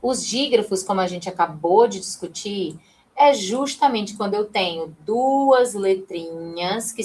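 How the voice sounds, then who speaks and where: A young Brazilian woman teaches a live online class, chatty and upbeat. She speaks at a middle pitch and calls on students by name between explanations. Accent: Brazilian Portuguese. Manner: chatty, reads chat, addresses students by name.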